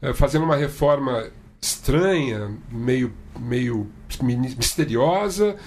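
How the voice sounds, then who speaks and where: A man's voice: medium pitch, lively intonation, takes it slowly, darkish tone, a little hiss or hum. A man from Brazil in a casual roundtable discussion, talking animatedly and mimicking other people.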